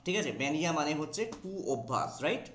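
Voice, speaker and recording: A Bengali-accented man teaches an online exam class in a slightly high voice. He stretches out English words and spells them letter by letter. The sound carries a roomy echo. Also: animated, a bit bright, slight background noise. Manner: drawls key English words slowly, spells them out letter by letter, asks "ঠিক আছে?" often.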